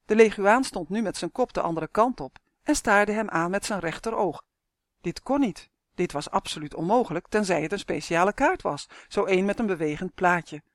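An audiobook reader calmly narrating a children's story. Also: mid-range voice, normal speed, no echo, clean studio sound. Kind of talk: scripted narration.

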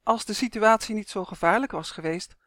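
Woman narrator, children's storybook, expressive, dry close sound. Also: medium pitch, a little fast, no room sound. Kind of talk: storybook reading.

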